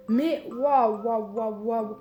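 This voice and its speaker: A woman with a French accent chatting excitedly about books as she unboxes them, laughing often and reading the blurbs aloud. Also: fairly high pitch. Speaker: book vlogger. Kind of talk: casual unboxing chat.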